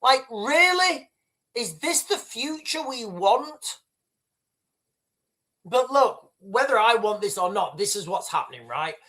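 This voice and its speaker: A man livestreaming gives loose commentary on clips at a slow pace. His voice is very high, animated, pushed and bright. Addressing viewers as "guys," he rambles with frequent restarts and "right."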